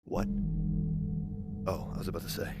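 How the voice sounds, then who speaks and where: A man giving casual commentary while playing a VR game, exclaiming and swearing when startled and counting quietly to himself. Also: normal speed, loud music behind the voice. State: out of breath. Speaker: gameplay streamer.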